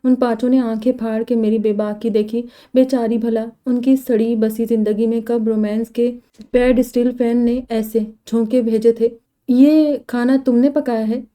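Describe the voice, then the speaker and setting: A woman reads a comedy novel aloud in first person, in a lively storytelling manner. Her voice is very dark and mellow, set a little high. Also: normal speed. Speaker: novel reader. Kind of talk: scripted audiobook narration of a comedy novel.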